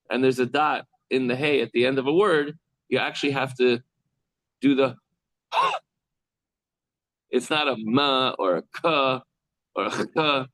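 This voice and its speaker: A man teaching a text class as a rabbi, reading lines and explaining them slowly, pausing to demonstrate sounds and speak to students in the room. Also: medium pitch, a bit bright, no room sound, low-quality recording.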